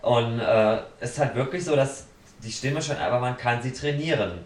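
A man's voice: medium pitch, moderate pace, distant mic. A man in casual chat, telling stories bluntly and dramatically with acted-out quotes. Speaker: podcast guest. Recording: roomy sound from off the mic, faint noise.

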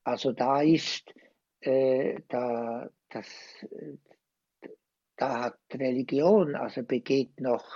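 A man, a former priest speaking as a guest, slow and hesitant but impassioned. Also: medium pitch, dark tone, slightly rough, dry recording, dull audio. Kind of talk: conversational interview.

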